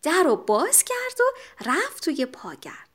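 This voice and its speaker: High, lively woman telling a children's story. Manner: animated, expressive.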